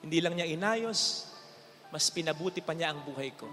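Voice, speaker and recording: A male priest in his forties from the Philippines giving a homily at Mass, mixing Tagalog and English and telling stories, sometimes emphatic and sometimes hushed. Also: fairly high pitch, animated, normal speed. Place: church. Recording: church reverb with faint music.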